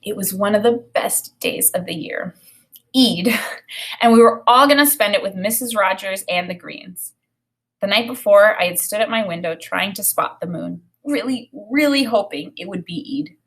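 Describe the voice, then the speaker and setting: A woman reads a children's story aloud, narrating expressively. Her voice is mid-range and her pace is moderate.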